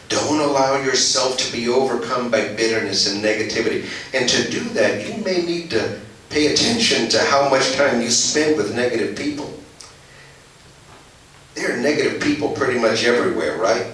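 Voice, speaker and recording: Pastor preaching in a very echoey hall. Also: male voice, medium pitch. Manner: deliberate preaching, slowing and dropping soft on key phrases. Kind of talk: sermon. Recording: very echoey church hall, voice from a distance.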